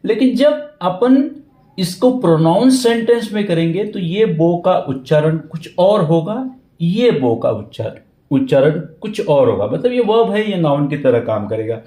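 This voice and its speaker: A man teaching English grammar, his voice dark and mellow with lively swings in pitch. He keeps repeating key words and checks in with the listener. The room sounds echoey around him. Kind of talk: grammar lesson explained in Hindi with English terms.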